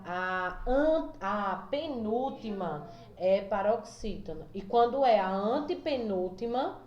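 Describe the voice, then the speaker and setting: A young woman with a Brazilian Portuguese accent, teaching a video lesson to small children, slow and patient, checking in often. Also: on the high side, darkish tone. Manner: patient, slow, repeats key points with "tá?" and "certo?". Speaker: primary school teacher. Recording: echoey room, slightly dull sound.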